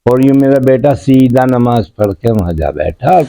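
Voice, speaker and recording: A man's voice: mid-range voice, expressive, unhurried, warm tone, rough recording. An older man, a victim's father telling his story in a rambling, rustic way full of folksy sayings. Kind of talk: emotional field interview testimony.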